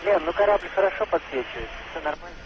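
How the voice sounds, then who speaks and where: A man's voice: on the high side, lively intonation, rapid-fire, lo-fi sound. Man on a crackly radio transmission. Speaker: cosmonaut on a space station. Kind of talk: space-to-ground radio chatter. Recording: noisy distant radio link.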